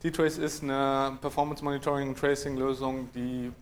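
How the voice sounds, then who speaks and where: A man from giving a technical conference talk, dry in manner, hesitant with many fillers and frequent throat clearing. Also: medium pitch, level tone, moderate pace. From East Frisia, northern Germany. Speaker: conference speaker. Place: lecture room at a conference.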